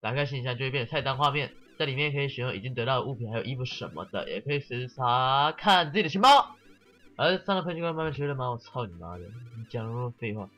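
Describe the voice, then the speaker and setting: A man's voice: mid-range voice, lively intonation, fast, lo-fi sound, soft background music. A man giving casual let's-play commentary, sarcastic and swearing often while mockingly reading the game's text aloud.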